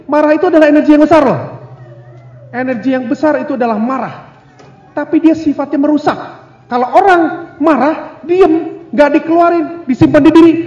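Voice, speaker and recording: A man giving a lively seminar talk on communication. He asks the audience questions and acts out little scenes. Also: extremely high pitch. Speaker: speaker on family communication. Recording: echoey hall, dull lo-fi sound.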